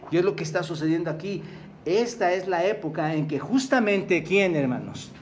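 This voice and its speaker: A man's voice: high-pitched, lively intonation, normal speed, slight background noise. A Mexican man preaching a sermon, often asking the congregation questions and repeating key words for emphasis. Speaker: pastor.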